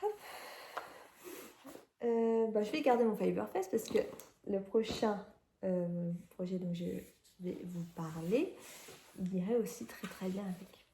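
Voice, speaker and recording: Indoors at home by a window shutter, a French woman who vlogs about knitting speaks unhurriedly in a mid-range, dark-toned voice, leaving long pauses. Her casual chat is full of hesitations and fillers, and the roomy recording has a slight hiss or hum.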